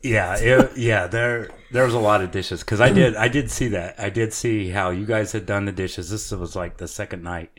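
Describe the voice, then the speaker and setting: A man's voice: fairly low pitch, moderate pace, hardly any pauses, fairly bright tone. A man co-hosting a casual podcast, easygoing and chuckling, using fillers like "like" as he tells stories.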